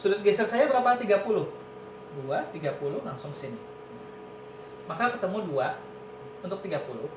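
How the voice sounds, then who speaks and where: In an online university lecture, a man with an Indonesian accent explains things step by step, often dropping in "nah" and "ini." His delivery is sing-song and brisk with long pauses. The room is echoey, with noise and a low rumble.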